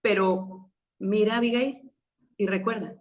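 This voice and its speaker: A woman's voice: medium pitch, steady tone, unhurried. A woman with a Mexican accent preaching a sermon at a women's meeting, telling a story in a conversational way with many rhetorical questions.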